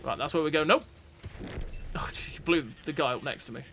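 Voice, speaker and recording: A man's voice: a little high, vocal fry, fairly bright tone, soft background music. A man giving casual gameplay commentary, chatty and thinking aloud as he plays. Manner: chatty, thinks aloud with restarts and quick reactions.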